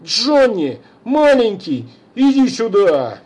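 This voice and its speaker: A man doing a flustered, shouting rich man. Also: sits high, wildly swooping pitch, slow, slightly rough, voice pushed up, heavily acted, low-quality recording. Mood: coaxing. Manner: loud scolding shouts. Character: flustered pompous rich man chasing his son.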